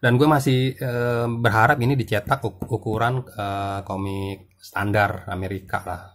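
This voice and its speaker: Casual man reviewing comics, lowish voice. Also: steady tone, a little slow. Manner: loose, hesitant, many fillers and repeats.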